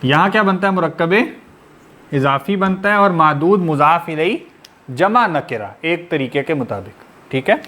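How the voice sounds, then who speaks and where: A man's voice: a little high, animated, moderate pace, pushed and bright. A man teaching an online class, explaining step by step and quizzing his students with repeated questions. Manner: patient, methodical explaining.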